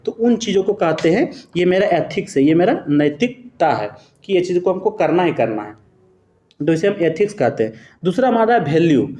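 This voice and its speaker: A man's voice: high voice, very animated, normal speed, mellow. Man teaching in an echoey room. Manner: explains step by step and quizzes students with rhetorical questions; corrects himself mid-sentence. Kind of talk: exam-prep lesson explaining multiple-choice answers.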